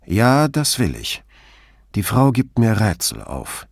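Male reader as a low-voiced, businesslike commissioner, polite and plain, dry recording. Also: wildly swooping pitch, slow pace, gravelly, no echo, exaggerated voice. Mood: matter-of-fact. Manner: matter-of-fact, polite. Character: calm, direct middle-aged male police commissioner.

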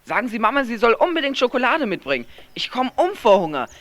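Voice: mid-range voice, big pitch swings, quick pace, a bit bright, no room sound. An actor voicing a chatty, boastful teenage boy in a radio play. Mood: cheeky. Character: chubby cheeky teenage boy, food-loving.

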